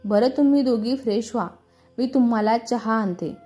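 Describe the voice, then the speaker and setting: A woman's voice: a little high, moderate pace, warm tone, soft background music, natural voice. A woman voicing a caring middle-aged mother who fondly reasons with her daughter.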